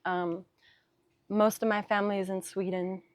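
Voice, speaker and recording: Recorded on a noise-cancelling mic, this young designer from Denmark chats as an interview guest outdoors in a small vineyard one summer evening. She talks at a normal speed in a medium pitch with little pitch movement, sounding reflective, laughing lightly and filling gaps with ums and likes.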